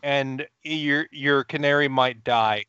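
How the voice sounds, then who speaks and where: A man co-hosting a casual gaming chat who is quick to explain and argue his point. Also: medium pitch, sharp tone, clean tone, no echo, highs cut off. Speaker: co-host.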